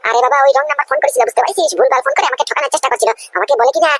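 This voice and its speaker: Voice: high-pitched, animated, very fast, fairly bright tone. A performer voicing a greedy middle-aged aunt in a cartoon comedy, stammering and talking her way out of a lie. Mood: blustering. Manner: stammering, nervous, then bragging.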